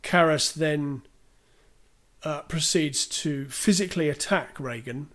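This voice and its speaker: A man co-hosts a casual podcast with a voice that sits a little high. He talks in a chatty, storytelling way, walking through film scenes and stopping to read out listener questions. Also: slow pace, fairly bright tone. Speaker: podcast co-host.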